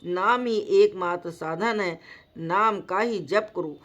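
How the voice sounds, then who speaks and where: A woman voicing a calm, firm male ascetic teacher in a slowly read devotional story. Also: mid-range voice, lightly acted. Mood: patient. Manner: slow, measured reading voice.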